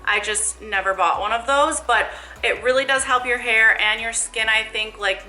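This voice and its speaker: A woman's voice: a little high, normal speed, sharp tone, echoey room, poor audio. A young woman and hair stylist chatting casually through a home tutorial, rambling with lots of fillers and asides, a bit out of breath.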